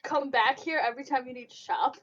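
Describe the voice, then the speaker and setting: A woman's voice: sits high, a little fast, fairly bright tone, dry recording, dull audio. A woman running a tabletop game as game master, heard through a group voice chat, explaining rules with many restarts and fillers.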